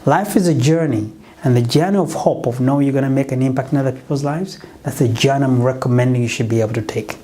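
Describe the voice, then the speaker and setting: A middle-aged business coach from Uganda, a non-native English speaker, talks fast with hardly any pauses in a mellow voice, giving an earnest motivational pitch. He often restarts and corrects himself, and there's a little hiss or hum on the recording.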